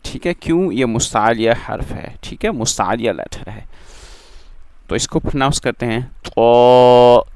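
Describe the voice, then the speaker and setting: A man teaching Quran letter sounds in a lesson, stretching out each syllable and repeating letters loudly for learners to follow. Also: mid-range voice, no echo. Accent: Urdu-speaking. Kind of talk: slow recitation lesson.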